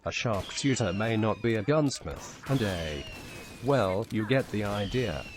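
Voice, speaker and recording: A synthetic text-to-speech man's voice reading scripted narration. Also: mid-range voice. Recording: clear background ambient noise.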